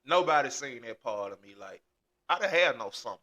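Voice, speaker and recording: Bright-voiced reflective man. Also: medium pitch, animated, brisk. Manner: earnest, reflective, many repeated starts. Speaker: guest. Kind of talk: casual chat.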